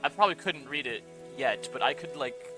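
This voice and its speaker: A man's voice: mid-range voice, lively intonation, brisk, music in the background, rough recording. A male streamer chatting casually and rambling, his talk full of "like" and restarts. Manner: rambling, fills speech with "like". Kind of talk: casual chat on a reading stream.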